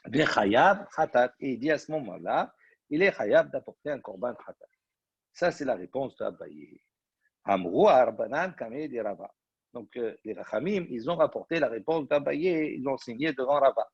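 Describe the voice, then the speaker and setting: A man, a rabbi, teaching a Talmud study class. He explains step by step and reads Aramaic phrases slowly before translating them. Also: mid-range voice, lively intonation, slightly rough, no room sound. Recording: dull lo-fi recording.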